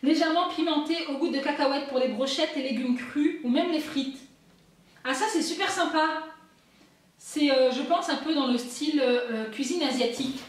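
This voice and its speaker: A cheerful woman chats through an unboxing and reads the product labels aloud. Her voice is high, and the mic sits some way off in a very echoey room. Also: normal speed, recorded from a distance. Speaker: unboxing vlogger. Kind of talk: casual unboxing chat.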